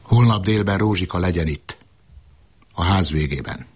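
A man voicing a domineering man who speaks in a curt, commanding way and promises the impossible, with a low, husky voice. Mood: grave.

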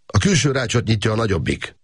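A man's voice: on the low side, big pitch swings, husky, no echo, studio quality, pitched above the performer's own voice. A man reading an audiobook, voicing a forgetful churchman who explains politely and apologetically. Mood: apologetic.

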